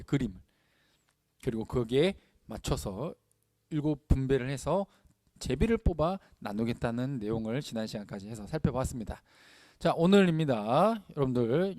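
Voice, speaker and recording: A male pastor preaching a sermon in a chatty, animated way, acting out quoted lines in different voices. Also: fairly high pitch, no echo, clean studio sound.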